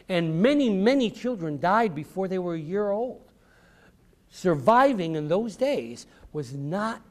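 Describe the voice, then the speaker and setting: In a public library room, a visiting author with a high voice gives a group of children an educational talk. He speaks straight to them, repeating his questions and key phrases.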